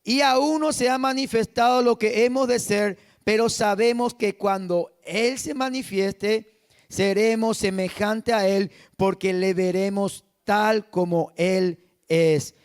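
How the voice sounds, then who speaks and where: Paraguayan pastor, male, very high voice, reads scripture slowly, preaches with emphasis. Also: clear, resonant tone. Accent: Paraguayan Spanish. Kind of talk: sermon.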